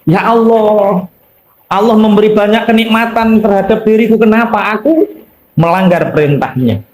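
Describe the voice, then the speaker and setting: A man's voice: high-pitched, moderate pace, darkish tone, natural voice. A man voicing a repentant woman who speaks with earnest, pleading urgency.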